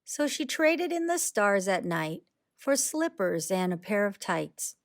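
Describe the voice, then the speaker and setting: A woman reads a rhyming kids' picture book out loud, storytelling in a measured, expressive manner. Her voice is mid-range.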